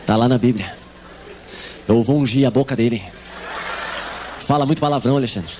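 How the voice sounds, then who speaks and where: A man's voice: medium pitch, moderate pace, noisy background, voice pushed down, close to an everyday voice. Guy doing a smug zealous maid, blunt and pushy, brazilian accent. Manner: blunt, self-assured. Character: brash, zealous woman housemaid, newly converted.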